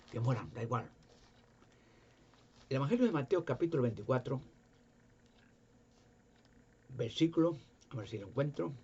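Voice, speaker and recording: A man's voice: medium pitch, a little mellow. A man preaching informally, reading Bible verses aloud and explaining them with emphatic rhetorical questions. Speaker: religious video preacher. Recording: dull lo-fi home recording with faint noise.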